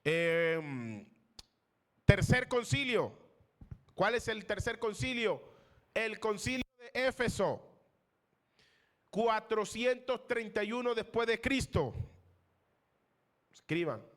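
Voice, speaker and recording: A man who is a pastor teaching a theology class, lecturing in a classroom style, raising his voice to stress key terms, asking questions of the class and pausing with fillers. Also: high voice, lively intonation, fairly bright tone. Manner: pauses with fillers, searches for names.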